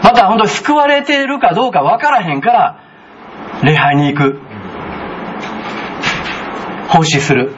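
Lively Kansai-accented male pastor preaching. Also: high voice, measured pace, long pauses, dull audio, a little hiss or hum. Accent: Kansai Japanese. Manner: animated, chatty preaching with frequent asides to the congregation. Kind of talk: sermon.

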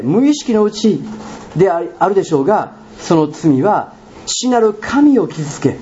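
Animated Kansai-accented male pastor preaching. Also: fairly high pitch. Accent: Kansai Japanese. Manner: animated storytelling with questions to the congregation. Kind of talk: sermon. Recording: dull lo-fi recording with faint room noise.

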